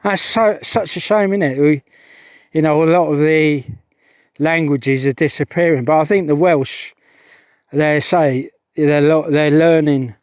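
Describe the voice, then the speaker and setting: Broadcasting live from a heath, this middle-aged UFO-investigating vlogger speaks at a measured pace in a fairly high, fairly even, slightly mellow voice with no room sound. He chats in a wandering way, cutting himself off and starting over again and again.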